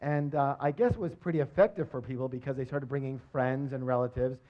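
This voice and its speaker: Energetic man presenting a live seminar. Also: medium pitch, fast talker. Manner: energetic, quizzes the audience. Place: stage before a live audience. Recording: dull lo-fi recording.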